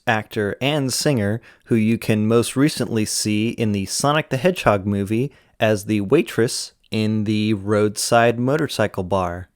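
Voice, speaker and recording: A man's voice: fairly low pitch, smooth, no room sound, clean studio sound. A man giving scripted recap narration and commentary as host of an episode retrospective.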